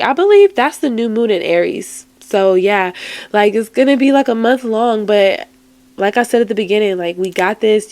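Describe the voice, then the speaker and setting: A woman's voice: mid-range voice, darkish tone, no room sound. A woman giving a casual, chatty tarot reading, emphatic and encouraging, full of fillers. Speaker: tarot card reader.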